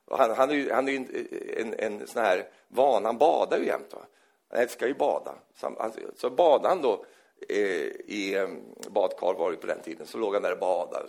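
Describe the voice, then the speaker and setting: A man preaching a sermon in an animated storytelling manner, often acting out the people he quotes. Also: sits low, creaky.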